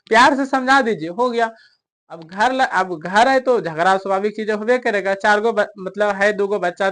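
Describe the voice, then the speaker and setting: A man's voice: sits high, a bit bright. A man teaching a story lesson, chatty and coaxing, constantly quizzing his listeners. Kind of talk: explaining a story in a recorded lesson.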